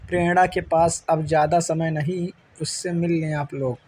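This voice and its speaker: A man reads as a weary male doctor, hushed and grave. The voice is dark and mellow with flat intonation. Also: fairly high pitch, normal speed, husky. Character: tired male doctor giving bad news.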